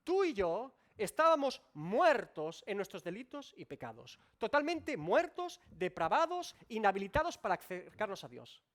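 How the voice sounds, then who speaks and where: A male pastor delivers a sermon in a fairly high voice. His pitch swings widely, rising and falling as he presses his points. He speaks directly to the congregation. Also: very animated, moderate pace, hardly any pauses. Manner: emphatic preaching with sweeping rises and drops. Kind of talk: expository sermon. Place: church.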